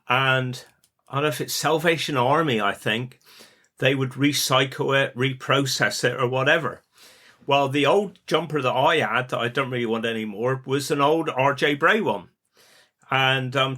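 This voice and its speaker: Chatty Cornish man, bright voice. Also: mid-range voice. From Cornwall. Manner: chatty, rambling, with dialect words. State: under the weather. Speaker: podcast host, funeral director. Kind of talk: casual storytelling monologue.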